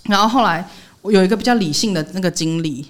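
A young woman, co-hosting a podcast and telling a workplace story in casual chat. She acts out what others said, jumping up in pitch for the quotes. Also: quick pace. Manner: animated retelling, voicing others' quotes with jumps in pitch. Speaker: podcast co-host.

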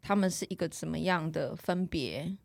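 A woman's voice: sits low, normal speed, creaky, no room sound, clean studio sound. A woman with a Taiwanese Mandarin accent hosting a casual chat, playful and dropping in English words. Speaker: podcast host.

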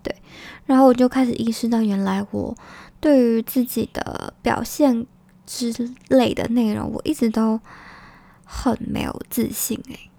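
A woman with a fairly high voice that often drops into fry hosts a casual solo podcast. She speaks reflectively and modestly, as if confiding in the listener. Dental braces make her consonants slightly slurred. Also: fairly even intonation, unhurried, dark tone, no room sound. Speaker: podcast host.

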